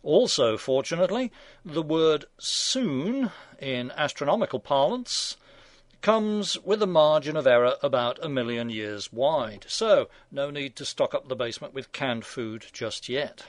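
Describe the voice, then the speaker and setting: A man's voice: mid-range voice, lively intonation, unhurried, no echo. A man in his sixties, hosting a scripted opinion commentary with dry, sardonic asides. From England. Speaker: radio commentary host.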